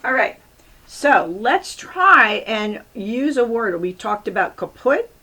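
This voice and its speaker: A woman's voice: a little high, sing-song, takes it slowly, sharp tone. A woman teaching a Latin grammar lesson, patiently repeating and drilling word endings as she works at the board. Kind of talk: classroom lecture at a board. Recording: distant mic with faint room noise.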